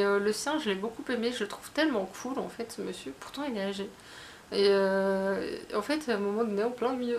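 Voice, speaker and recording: Over a little background noise, a woman with a fairly high-pitched voice goes through her latest book haul for her vlog. Her casual talk is halting, with plenty of filler words and sentences she starts over.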